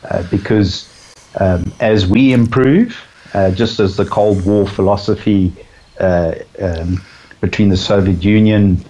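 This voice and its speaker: Deep-voiced man, dry and reflective. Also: steady tone, slow pace, warm tone, low-quality recording. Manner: dry, reflective, self-aware sarcasm. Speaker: conservation guest. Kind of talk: podcast interview.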